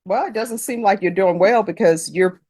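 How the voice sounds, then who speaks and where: A woman's voice: medium pitch, normal speed, a little mellow, dry recording. A middle-aged woman judge questioning a defendant in a courtroom, firm and lecturing, with pointed rhetorical questions.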